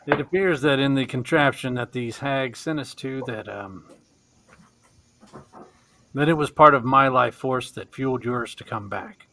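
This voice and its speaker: A man voicing a weary, kindly older man in a put-on old voice for a tabletop game, measured and earnest. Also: medium pitch, pushed and bright, low-quality recording. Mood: solemn, kindly. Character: weary, kindly older man, aged by lost life force. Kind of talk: tabletop role-play.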